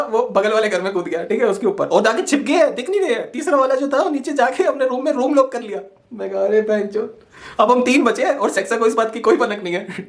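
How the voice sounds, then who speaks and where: With a high voice, this young man relates an amusing personal anecdote. He's relaxed and animated, often laughing while imitating other people's lines.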